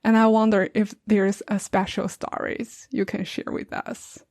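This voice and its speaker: A woman's voice: medium pitch, little pitch movement, unhurried, a little mellow, no echo. Woman host, first language Chinese, curious and chatty, dry sound. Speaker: podcast host. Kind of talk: casual interview chat.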